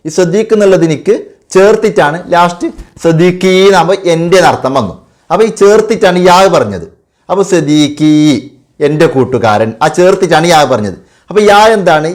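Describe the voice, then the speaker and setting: A man's voice: on the high side, darkish tone. A man teaching an exam revision lesson patiently, repeating key terms and asking and answering his own questions. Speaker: madrasa teacher.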